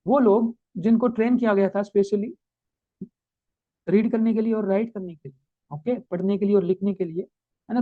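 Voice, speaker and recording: A man giving a history lesson as a teacher, explaining in Hindi mixed with English terms and reading English points slowly. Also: high-pitched, warm tone, no room sound, muffled recording. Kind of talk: recorded class lecture.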